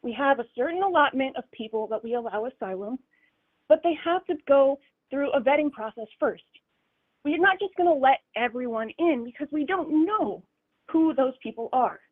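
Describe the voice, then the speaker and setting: A woman's voice: sits high, lively intonation, moderate pace, breathy edge. A woman in her twenties calling in over a metallic, robotic-sounding phone line, explaining her views point by point. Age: 20s. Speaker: caller. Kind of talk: phone-in political debate.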